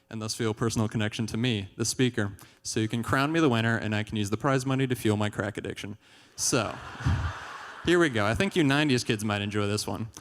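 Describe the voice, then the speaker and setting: A young man performs a deadpan stand-up set into a stage mic, his voice smooth and clear. His delivery is dry, and he chuckles at his own jokes. The sound carries a long hall reverb. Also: on the low side. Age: young adult. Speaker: stand-up comedian.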